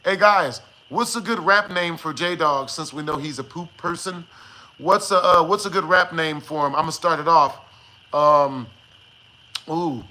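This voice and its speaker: A man's voice: a little high, pushed and bright, rough recording. A man live-streaming, chatting casually with his viewers in a joking, slangy way and swearing freely. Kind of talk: casual livestream chat with viewers.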